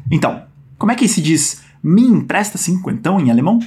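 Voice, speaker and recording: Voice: mid-range voice, sing-song, fairly quick, a little mellow. A language teacher with a Brazilian accent, giving a casual lesson in a playful, joking way with plenty of slang. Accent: Brazilian Portuguese. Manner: playful, jokey, slang-filled. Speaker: German teacher.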